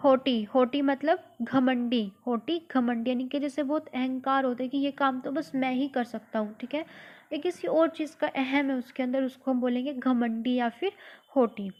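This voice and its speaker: A woman with a high, light voice teaching English vocabulary in an online lesson. She goes through words one by one, repeating each with its meaning. She spells words out slowly, letter by letter, and explains with simple everyday examples.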